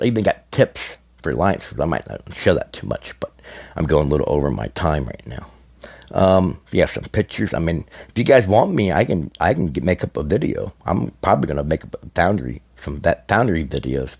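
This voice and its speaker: A middle-aged man, slightly hoarse, explaining a strategy game in a rambling, casual way as a gaming content creator. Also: low voice, darkish tone. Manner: rambling, many restarts and fillers. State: slightly hoarse, losing his voice.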